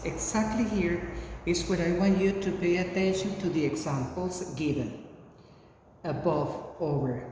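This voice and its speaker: A man teaching English, reading out word lists one word at a time in a slow, deliberate drill. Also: a little high, mellow, slight background noise. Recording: echoey room from far off.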